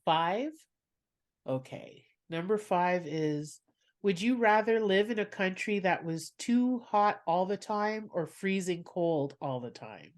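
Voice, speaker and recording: A comedian hosting a podcast chats casually with her guest, laughing often and wandering into asides. She speaks slowly in a lowish, animated voice.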